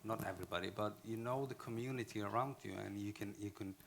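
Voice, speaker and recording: With a lowish, gravelly voice, a man with an Icelandic accent delivers a conference talk in English. He speaks haltingly, often restarting phrases and correcting himself, and a little hiss or hum sits under the recording.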